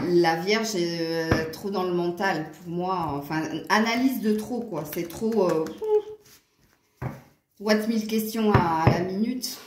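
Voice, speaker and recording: A woman's voice: fairly low pitch, reverberant, noisy background. A woman with a southern French accent giving a chatty tarot reading straight to her viewers, laughing often between remarks. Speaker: tarot card reader.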